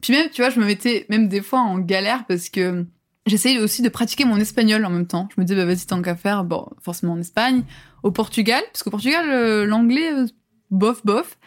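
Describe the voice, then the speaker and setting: A woman's voice: mid-range voice, brisk. Chatty young woman, filler-heavy. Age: 20s. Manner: chatty, lots of fillers, laughs often. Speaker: podcast guest. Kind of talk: casual chat.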